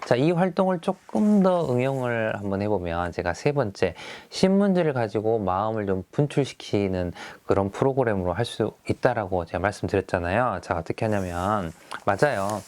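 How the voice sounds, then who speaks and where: A man's voice: fairly low pitch, expressive, normal speed, few pauses, a little mellow. A middle-aged male teacher who talks through classroom activities in a friendly, explaining way, often starting with fillers.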